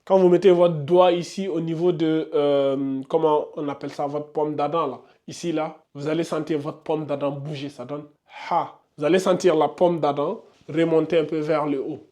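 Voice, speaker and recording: Patient teacher, higher-pitched man. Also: fairly even intonation, moderate pace, hardly any pauses, warm tone. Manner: repetitive, patient, thinks aloud with fillers. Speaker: Arabic and Quran reading teacher. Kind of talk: online lesson, writing on a board while explaining.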